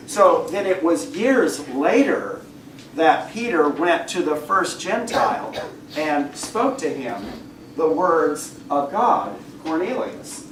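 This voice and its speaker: Hoarse man teaching a Bible class. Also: a little high. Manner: conversational, asks the class questions, clears throat often. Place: church classroom. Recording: echoey room, far mic, faint hiss.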